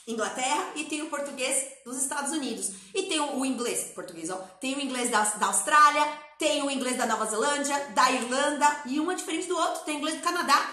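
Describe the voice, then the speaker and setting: A woman from Brazil teaching an English lesson in a lively, chatty way, repeating words and phrases for her students. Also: high-pitched, brisk, few pauses, echoey room. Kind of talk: lively classroom-style language lesson.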